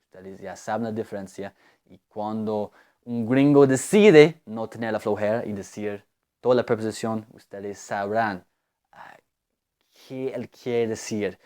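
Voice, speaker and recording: A man gives a language lesson at a very slow, deliberate pace, stopping on fillers and repeating words as he searches for them. His voice sits a little low, and he speaks as an English speaker explaining grammar. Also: steady tone, warm tone. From United States. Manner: unhurried, hesitant, with many fillers and repeated words. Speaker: English teacher.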